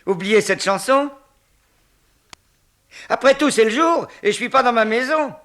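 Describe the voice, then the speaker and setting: A man's voice: very high-pitched, animated, unhurried, a bit bright, heavily acted. A man voicing a nervous, fussy homeowner who stammers in a 1970s TV cartoon. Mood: fretting. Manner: fussy, stammering, sings to himself. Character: nervous, fretful man who bought a house.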